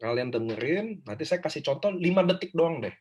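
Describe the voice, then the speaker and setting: Husky, animated man presenting over a video call. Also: on the high side, brisk. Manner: animated, informal, emphatic. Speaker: motivational speaker. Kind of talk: online motivational workshop talk.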